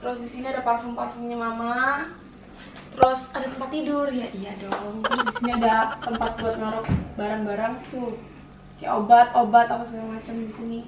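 A young adult woman with a high voice gives a playful, casual house-tour vlog, moving around the rooms as she talks informally, fairly quickly and with a flat delivery. A handheld camera mic at some distance picks her up, so the audio is noisy and the indoor rooms sound echoey.

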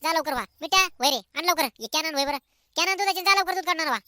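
A man's voice: extremely high pitch, fast, no room sound, full character voice. A man voicing a scolding middle-aged village housewife in a cartoon comedy. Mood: yelling. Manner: nagging, calling out loudly.

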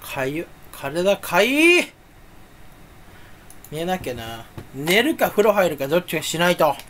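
Rambling young man, lively pitch. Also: measured pace, slight background noise. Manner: playful, self-mocking muttering with sudden loud outbursts; talks while sucking candy. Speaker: YouTuber. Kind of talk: rambling solo chat.

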